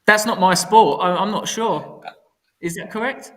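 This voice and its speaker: A man's voice: sits high, unhurried, poor audio. A man teaching in a casual live tutoring style, hesitant and self-correcting, dropping his T's with glottal stops. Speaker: history teacher co-hosting.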